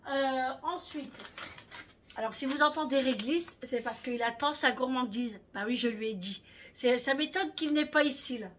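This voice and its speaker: A middle-aged French woman vlogs casually from home, rambling with lots of fillers as she shows off her purchases. Her voice is high and fairly bright at a normal speed, with slight background noise.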